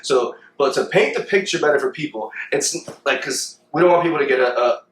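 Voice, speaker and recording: A man's voice: fairly high pitch, a little fast, fairly bright tone, slight background noise. A man co-hosting a podcast, talking things through in casual chat and asking probing questions. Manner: questioning, builds points with examples. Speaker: podcast co-host. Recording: echoey room.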